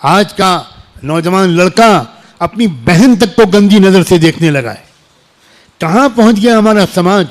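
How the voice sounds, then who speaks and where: A man's voice: sits high, lively intonation. A middle-aged man preaching an emotional sermon to young people, pleading and repeating himself for emphasis. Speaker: Islamic preacher.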